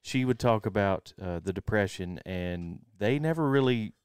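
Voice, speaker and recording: A man in his forties from Texas co-hosts a relaxed podcast chat in an easygoing, soft-spoken manner. His voice is low and smooth. It sounds dry and close. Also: normal speed, no room sound. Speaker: podcast co-host. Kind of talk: casual chat.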